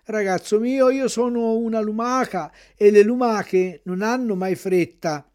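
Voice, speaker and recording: A man voicing an unhurried, placid snail who speaks slowly and calmly. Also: sits high, clean tone, pitched above the performer's own voice. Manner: slow, placid, drawn-out. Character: slow, calm old snail, unhurried.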